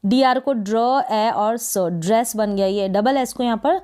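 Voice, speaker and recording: A woman's voice: a little high, measured pace, darkish tone, clear, resonant tone. A woman teaching beginners to read English, sounding out letter blends and then asking and answering her own questions. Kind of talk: phonics lesson for beginners.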